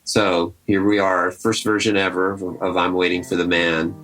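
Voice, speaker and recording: A man hosting a podcast, telling the story behind old recordings in a relaxed, conversational and enthusiastic way. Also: low-pitched, moderate pace, faint music behind, low-quality recording. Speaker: podcast host. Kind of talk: casual storytelling commentary.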